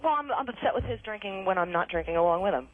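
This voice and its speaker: A woman's voice: medium pitch, lively intonation, fast, narrow, tinny audio. A woman calling in to a radio show, defending herself and laughing along. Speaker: caller. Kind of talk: casual phone-in chat.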